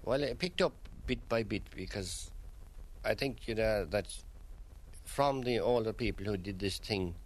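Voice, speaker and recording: A man with a Kerry Irish accent, answering interview questions as a local guide with measured, storytelling delivery. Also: lowish voice, poor audio. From County Kerry, Ireland.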